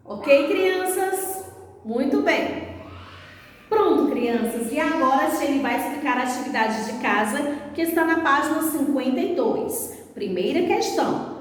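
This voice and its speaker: Woman, Brazilian accent, primary teacher, patient syllable-by-syllable explaining, echoey room from a distance. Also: high voice. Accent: Brazilian Portuguese. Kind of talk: explanatory lesson for young children.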